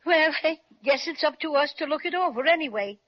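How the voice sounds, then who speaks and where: A woman's voice: high voice, animated, brisk. A woman voicing a cheerful, fussy male teddy bear in a 1930s radio serial, stammering in a bustling way. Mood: cheery. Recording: dull old 1930s radio recording.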